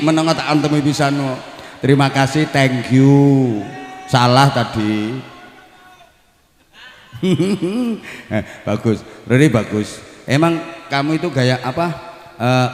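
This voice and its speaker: A man hosting a religious gathering as a preacher, chatting and teasing the audience in a playful way. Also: on the low side. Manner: teasing, chatty, mixing in Javanese words. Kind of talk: joking pulpit banter. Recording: echoey hall, from a distance.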